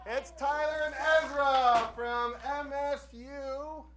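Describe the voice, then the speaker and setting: A man's voice: very high-pitched, fairly even intonation, slow pace. A middle-aged man hosting a children's TV show, leading the kids in playful call-outs. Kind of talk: energetic audience hosting for kids. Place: TV studio stage with a child audience. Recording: noisy studio with crowd of kids.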